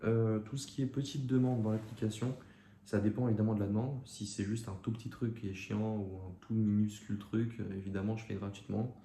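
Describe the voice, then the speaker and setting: Young male creator, gravelly and dark-toned, loose slangy Q&A with lots of fillers, echoey room. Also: fairly low pitch, steady tone, brisk. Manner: casual slangy talk with many fillers and restarts. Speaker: YouTube creator answering viewer questions. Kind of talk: casual Q&A chat to camera. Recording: echoey room with faint ambient noise.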